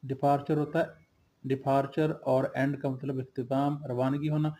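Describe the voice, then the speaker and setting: A man's voice: medium pitch, low-quality recording. A man teaching vocabulary, reading out synonyms and antonyms one by one with short glosses. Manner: slow and steady, drills word lists with brief glosses. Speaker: English teacher.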